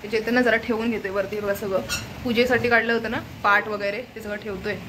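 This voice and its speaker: A young woman chats through a casual family vlog in her home kitchen, pointing things out to her viewers again and again. Her voice sits at an ordinary middle pitch. A steady background noise hangs under the home recording. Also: fast. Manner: chatty, keeps repeating "look" to viewers. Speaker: vlog host.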